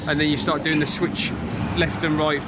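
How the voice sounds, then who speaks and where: A man's voice: flat delivery, moderate pace. A man giving a casual, rambling ride review as a theme park vlogger, hesitant and matter-of-fact. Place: outdoors in a theme park beside a coaster. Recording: noisy outdoor park with ride rumble.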